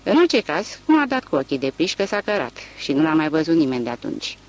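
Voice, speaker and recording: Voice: mid-range voice, sing-song. An audiobook reader voicing a blunt country man lounging on a porch.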